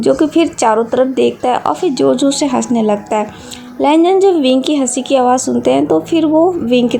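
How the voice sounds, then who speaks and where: A woman reading a fan fiction story aloud in a plain, steady storytelling manner. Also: high-pitched, creaky, a little hiss or hum.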